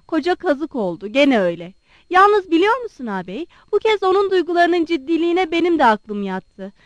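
A woman reading the part of a frank, sharp-tongued young woman who talks briskly to her brother, in an audiobook. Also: sits high, no room sound.

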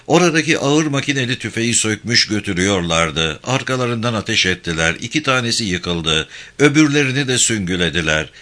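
A man reading a war story aloud as narrator, in steady, dramatic scripted narration. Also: on the low side.

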